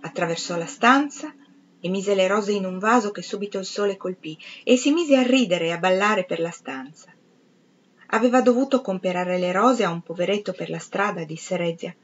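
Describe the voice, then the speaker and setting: A woman reading a novel aloud in a measured, expressive, dramatic way. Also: mid-range voice, highs cut off, slight background noise. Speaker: reader of literature. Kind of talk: literary audiobook reading.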